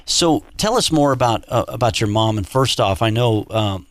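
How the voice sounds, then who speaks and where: Halting male radio talk host. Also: mid-range voice, expressive. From Montana. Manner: halting, many fillers and restarts. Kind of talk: radio call-in interview.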